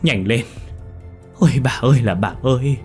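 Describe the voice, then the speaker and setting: A man's voice: lowish voice, steady tone, racing, faint music behind, close to an everyday voice. A man voicing a rich old village man who wails in grief and barks orders at servants. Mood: wailing grief. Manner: loud wailing, barking orders.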